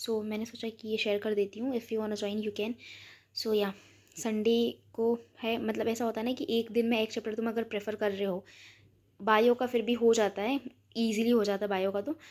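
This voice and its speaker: A woman's voice: mid-range voice, a little mellow. A young woman with an Indian accent chatting casually about her study plan, rambling and mixing English into Hindi. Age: young adult. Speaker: student vlogger.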